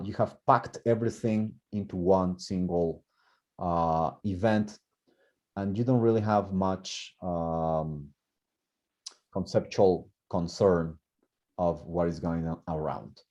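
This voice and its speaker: Low mellow-voiced male teacher. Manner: thinks aloud with many repeated words and restarts. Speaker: language teacher. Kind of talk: explaining grammar in class. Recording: muffled lo-fi recording.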